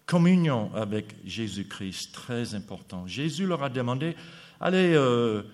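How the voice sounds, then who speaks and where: A man with an American accent preaching a sermon, speaking haltingly with pauses and fillers. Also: mid-range voice, sing-song, a little mellow.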